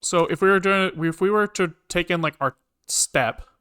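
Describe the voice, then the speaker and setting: This time his voice is high, bright and clean, with a forceful edge and a moderate pace. He's still talking informally under his breath as he codes live on stream, thinking aloud.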